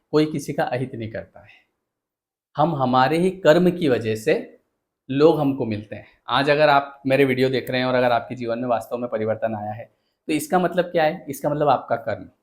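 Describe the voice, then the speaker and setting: A man's voice: medium pitch, normal speed. A man giving a motivational talk as a speaker and counsellor. He speaks earnestly, asks rhetorical questions and addresses his listeners directly.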